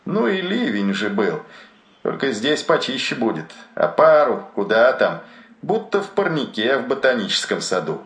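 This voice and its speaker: A man's voice: medium pitch, huge pitch swings, normal speed, fairly bright tone, roomy sound, voice pushed up. A man voicing a dazed, rambling sailor trapped below deck, chattering in a detached, dreamy way in an audiobook. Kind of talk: audiobook narration.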